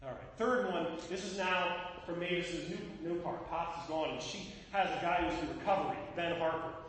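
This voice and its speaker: A man preaches a sermon, calling out to his listeners and breaking into short sung lines. His voice is a little high and fairly bright, at a moderate pace. It's recorded from far off in an echoey hall, with slight background noise.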